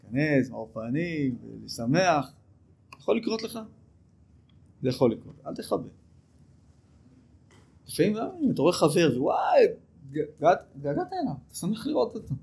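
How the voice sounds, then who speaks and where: A male rabbi giving an informal, animated lesson to yeshiva students, urging them on and acting out their inner voices. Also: a little high, vocal fry, long pauses, breathy edge.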